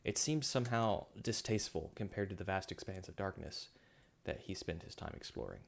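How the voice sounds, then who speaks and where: A man's voice: low voice, expressive, fairly quick, creaky. A man reading his own science fiction story aloud, with occasional slips and self-corrections. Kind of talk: story narration.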